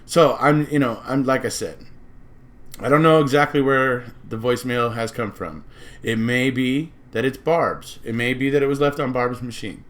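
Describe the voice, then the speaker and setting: A man's voice: mid-range voice, moderate pace. An American man giving a casual, speculative monologue as a true-crime commentator, rambling and circling back to repeat his points.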